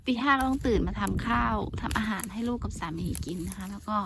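A woman in her thirties from Thailand, chatting casually to her phone camera as she tends a vegetable field, often breaking into excited exclamations. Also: fairly high pitch, creaky, noisy background. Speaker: vlogger. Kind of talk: casual chat while gardening. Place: outdoor vegetable field in rural Japan. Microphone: handheld phone camera.

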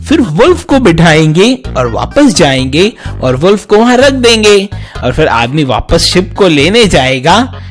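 A man hosting a casual riddle quiz, chatty and coaxing, talking straight to his viewers like friends. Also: sits high. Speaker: YouTube quiz host.

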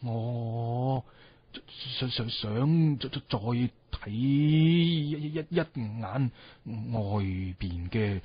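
Storyteller acting a husky, stammering dying philosopher. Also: male voice, mid-range voice. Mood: weak, resigned. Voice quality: weak, husky, halting stammer. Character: dying stammering male philosopher, serene and resigned. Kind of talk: dramatic storytelling. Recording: dull, roomy recording with music.

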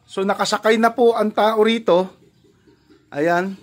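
A man hosting a farming vlog, chatting casually as he walks viewers through farm equipment and often checks in with a quick question tag. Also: high-pitched, steady tone, dry recording. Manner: chatty, explains step by step, often tags "no?". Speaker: farming vlogger and host. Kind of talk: casual walk-through commentary.

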